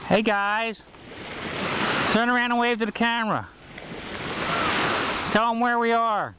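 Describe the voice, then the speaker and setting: A woman's voice: a little high, a little slow, very noisy. A woman filming a home video, coaxing children to talk to the camera, heard through old camcorder audio. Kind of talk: casual home video chat.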